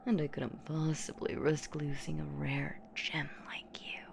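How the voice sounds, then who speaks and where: A woman with a deep voice and little pitch movement gives a full character performance as an ancient boogeywoman in a horror roleplay audio drama, with slight background noise. She's predatory, possessive and sweetly menacing, teasing slowly with breathy whispers and drawn-out words.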